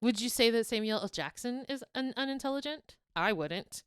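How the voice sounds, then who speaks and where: A woman's voice: on the high side, expressive, moderate pace, smooth, no echo, studio quality. A middle-aged woman co-hosting a podcast in casual chat, blunt and frank and happy to swear. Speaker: podcast co-host, mother of the other host.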